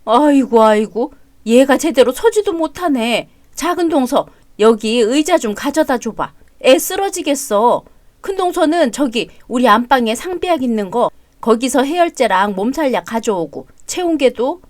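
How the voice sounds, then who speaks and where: A woman voicing a fiery but caring older mother-in-law in an audio drama story, fussing and scolding loudly. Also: sits high, expressive, normal speed, no echo.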